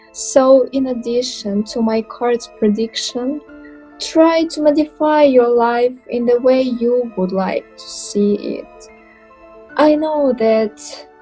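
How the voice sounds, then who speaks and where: A woman playing a mysterious fortune teller who makes slow, solemn pronouncements. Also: on the high side, dark tone, poor audio.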